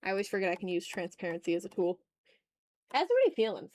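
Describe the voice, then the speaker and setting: This art streamer chats loosely while she draws, tossing off muttered remarks to herself. She's very animated and very fast, with a mid-range voice that's a little mellow.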